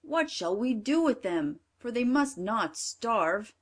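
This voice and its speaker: A woman's voice: a little high, big pitch swings, slow pace, exaggerated voice. A woman voicing a poor, sorrowful woodcutter father in a storybook reading, pleading and anxious. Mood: despairing.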